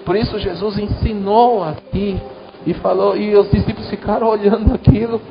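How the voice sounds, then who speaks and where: A man's voice: sits high, fairly even intonation, normal speed, creaky, muffled recording. A Brazilian man, a pastor, giving a sermon in a church in a chatty style, talking straight to the congregation. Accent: Brazilian Portuguese. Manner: conversational preaching, addresses congregation directly.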